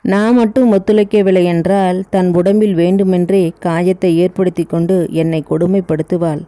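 A woman's voice: on the low side, fairly even intonation, normal speed, warm tone, no room sound, natural voice. A woman voicing a remorseful young man who confesses and apologizes in a pleading way.

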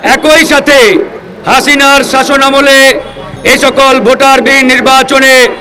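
A man's voice: very high-pitched, little pitch movement, slow, bright, forceful tone, low-quality recording. A Bangladeshi man delivering an impassioned political speech in the declamatory manner of a soapbox orator, addressing his supporters. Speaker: political activist speaker. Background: crowd of supporters.

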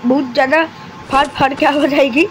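A man giving live commentary over his mobile game, talking deliberately quiet and chatty, constantly addressing his viewers. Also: very high voice, steady tone, a little hiss or hum, rough recording. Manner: talks deliberately quiet and soft; chatty, keeps addressing viewers as guys and brother.

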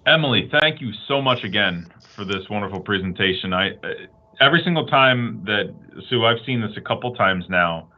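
Halting man on a tinny line. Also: lowish voice, animated. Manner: halting, repeats words, many restarts. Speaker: state representative hosting a town hall. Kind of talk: virtual town hall moderation.

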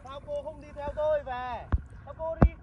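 A man's voice: extremely high pitch, steady tone, moderate pace, distant mic, lo-fi sound. A man voicing a sneering rich skeleton. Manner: sneering, taunting, boastful about money. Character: arrogant rich male skeleton, cruel ex-lover. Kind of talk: fan audio drama acting. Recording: noisy homemade recording.

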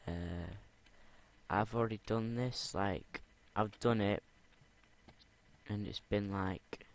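A young man with a deep, gravelly voice chats through his game session at an unhurried pace. He rambles, mutters and repeats words under his breath as he plays. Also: fairly even intonation, a little hiss or hum. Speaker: gamer. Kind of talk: game commentary.

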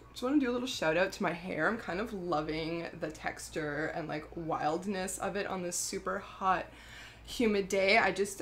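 A woman's voice: lowish voice, fairly bright tone. A woman talking casually about her skincare product, chatty and rambling, with lots of fillers and self-corrections. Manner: laughs often mid-sentence. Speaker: skincare brand founder.

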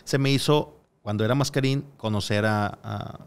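A man's voice: on the low side, normal speed, gravelly, smooth. A man, a podcast guest telling rambling stories full of hesitations and quoted dialogue. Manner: rambling storyteller, frequent hesitations and acted-out quotes. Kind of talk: casual podcast conversation.

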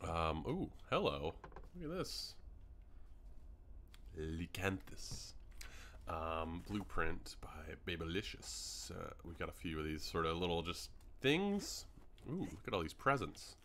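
A man's voice: low-pitched, sing-song, slow, a bit bright, a little hiss or hum. A young man from Canada giving rambling, casual commentary on a game build tour, full of ums, his voice starting to go. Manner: rambling, chatty, many ums. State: hiccups, voice starting to go. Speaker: gaming YouTuber.

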